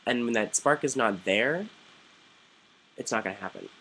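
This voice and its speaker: A young man vlogging, telling a story casually to the camera with many "like"s and animated quoted voices. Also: medium pitch, normal speed, a little hiss or hum, rough recording. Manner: chatty, animated, quoting others in lively put-on voices, frequent "like".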